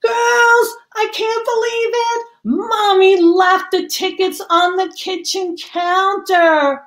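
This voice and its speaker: A woman voicing a young mother who fakes shrill dismay to get past a ticket taker. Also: fairly even intonation, slow, a bit bright, roomy sound, full character voice. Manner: high-pitched theatrical dismay. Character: flustered young mother fibbing to staff.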